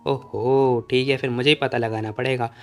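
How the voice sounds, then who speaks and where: A man's voice: medium pitch, steady tone, normal speed, clear, resonant tone, faint music behind, voice pushed down, lightly acted. A man voicing a playful, scheming young woman who teases with coaxing questions in a storybook recap. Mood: teasing.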